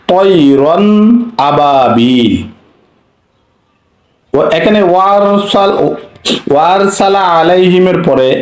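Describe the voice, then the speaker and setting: A man's voice: a little high, darkish tone, roomy sound, rough recording. A man teaching Quran recitation rules, spelling out letters and vowel marks one by one and chanting short verse examples. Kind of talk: tajweed lesson with recited examples.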